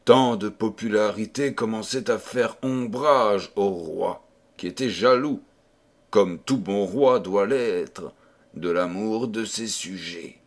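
A man reading a fairy tale aloud as an audiobook narrator in a measured storytelling manner. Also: on the low side. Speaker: audiobook reader. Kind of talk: scripted narration.

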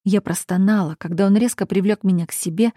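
A woman narrating a romance novel in the first person with an intimate, expressive reading. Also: mid-range voice, a little fast, no room sound, clean studio sound. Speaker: audiobook narrator.

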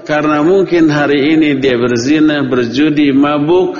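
A man's voice: fairly high pitch, fairly even intonation, normal speed, a little mellow. A man giving a religious lecture, asking questions and answering them himself, mixing casual phrasing with Arabic recitation. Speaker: Islamic preacher. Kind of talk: sermon-style religious lecture. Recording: echoey hall, dull lo-fi sound.

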